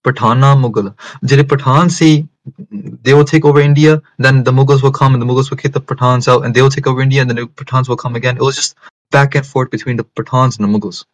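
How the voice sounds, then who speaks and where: Man, medium pitch, religious teacher, lecture style, emphatic repetition, mixes into English. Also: fairly even intonation, fast, low-quality recording. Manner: repeats and rephrases phrases for emphasis; switches between English and Punjabi. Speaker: religious teacher giving a talk.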